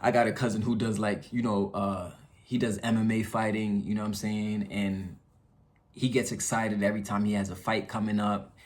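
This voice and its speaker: A man's voice: lowish voice, level tone, moderate pace. A man venting casually to his viewers in an earnest, slangy way, repeating phrases for emphasis. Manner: candid, slangy, frequent check-in tags. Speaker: YouTube vlogger.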